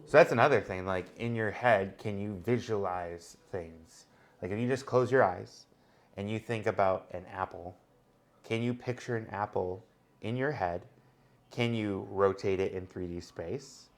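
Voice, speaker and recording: A man's voice: fairly low pitch, unhurried. A man co-hosting a casual chat, explaining ideas at length and thinking aloud with many fillers. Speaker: co-host.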